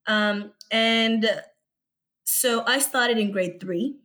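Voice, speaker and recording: A young woman raised in Australia, speaking as an interview guest in a reflective, thoughtful way with frequent pauses and ums. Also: fairly high pitch, fairly bright tone. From born in Egypt, raised in Australia. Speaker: guest, researcher and youth activist.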